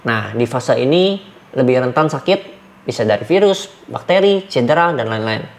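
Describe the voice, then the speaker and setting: A man's voice: mid-range voice, lively intonation, normal speed. Man giving numbered dog training tips. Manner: numbered points, demonstrates commands with sharp shouts.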